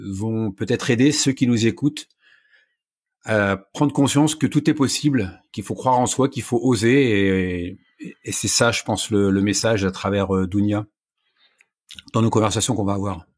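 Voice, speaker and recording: A man's voice: fairly low pitch, unhurried, slightly rough. A man in his sixties, a running coach and podcast guest, speaking earnestly and repeating words as he searches for them. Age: 60s. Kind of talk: podcast interview.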